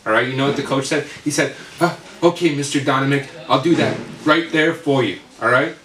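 A man playing a boastful teenage boy in an amateur comedy skit, talking loudly and bragging. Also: medium pitch, fairly quick, natural voice. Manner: loud, bragging delivery. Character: boastful teenage boy student, cocky and full of himself. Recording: roomy echo, distant mic, background noise.

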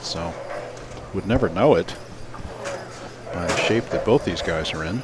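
Chatty bowling commentator, low voice. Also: male voice, expressive, measured pace. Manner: chatty, calls shots between banter. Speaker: play-by-play commentator. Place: bowling center. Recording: live broadcast with crowd behind. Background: crowd and bowling noise.

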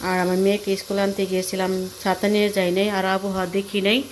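A Bangladeshi woman vlogging casually as she cooks at home, explaining each step in a chatty way, her voice hoarse from a cold. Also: mid-range voice, monotone, racing, a little hiss or hum. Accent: Bangladeshi Bengali. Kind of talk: casual cooking vlog. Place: home kitchen.

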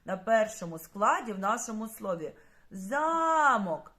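A woman's voice: mid-range voice, pushed and bright. A woman teaching a primary school lesson, speaking patiently and addressing the children directly.

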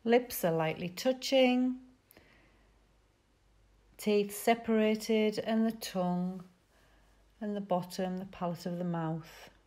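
In a medium-pitched voice with a dark tone, a woman teaches yoga nidra. Her guided relaxation instructions are gentle and unhurried, separated by pauses.

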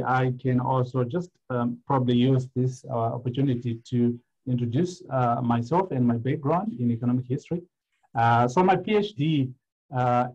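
A man from Zimbabwe, an economic historian appearing as a guest speaker, gives an academic presentation online over a video call. His mid-range voice is a little mellow, and he sounds hesitant, using many "uh" fillers. The call audio is dull and lo-fi.

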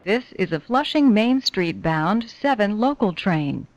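A woman reading scripted train announcements in a measured, formulaic way. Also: mid-range voice, big pitch swings, dry recording. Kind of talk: scripted subway station announcements.

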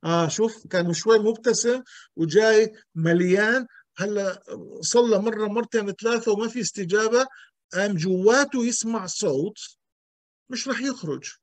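A man's voice: sits high, moderate pace, no room sound. A male pastor, teaching an emphatic sermon full of rhetorical questions and repetition.

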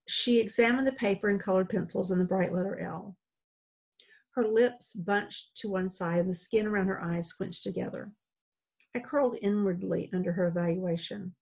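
A woman reading a children's novel aloud in a plain, steady storytelling way. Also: mid-range voice, creaky, slightly rough. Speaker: audiobook reader.

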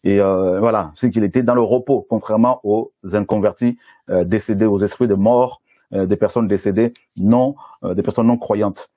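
A man giving a sermon, pausing often with hesitations and correcting himself as he goes. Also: lowish voice, fairly even intonation, mellow, dry recording, studio quality. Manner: halting, many hesitations and self-corrections. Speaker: pastor. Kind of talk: sermon with Bible reading.

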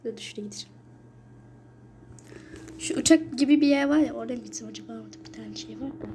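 A young woman commenting casually on her own gameplay, excitable, muttering and whispering to herself between sudden yells and shrieks when she is chased. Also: on the high side, fast, slight background noise. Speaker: gaming channel host.

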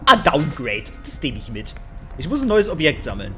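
A young man commentating his own gameplay, excitable, with panicked yelps and English words mixed into his speech. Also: on the high side, moderate pace. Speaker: gamer. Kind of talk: let's play commentary. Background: game music.

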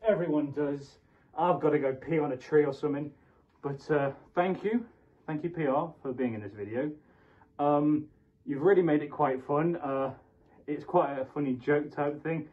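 Guy with a slightly high voice rambling thru a goofy skit, lots of ums, muffled lo-fi sound. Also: normal speed. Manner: hesitant and rambling, many fillers. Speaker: fursuit video creator. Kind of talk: comedy skit and fursuit showcase. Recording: lo-fi muffled recording.

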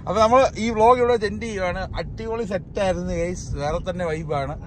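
A man from India with a Malayali accent, vlogging casually in an excitable, slangy mix of Malayalam and English. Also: high voice, fast talker, slight background noise. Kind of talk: casual vlog chat. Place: outdoor festival grounds, later inside a car. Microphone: phone at arm's length. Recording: busy outdoor festival crowd and music.

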